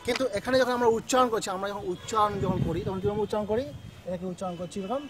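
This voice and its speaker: A man's voice: sits high, rapid-fire, music in the background. A male school teacher, teaching a grammar lesson step by step and often checking in with his students. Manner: explains step by step, checks in with "ঠিক আছে?".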